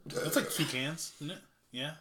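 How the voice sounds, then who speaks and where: A man's voice: fairly high pitch, steady tone, normal speed, noisy background. A man co-hosting a podcast in casual chat, teasing and laughing. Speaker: podcast co-host.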